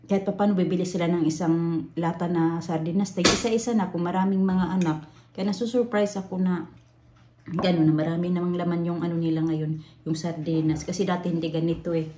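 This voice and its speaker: A woman's voice: fairly low pitch, mellow. A woman from the Philippines chatting casually in a rambling home vlog, full of fillers and restarts. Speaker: vlogger. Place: at home in a room. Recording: echoey room, faint noise.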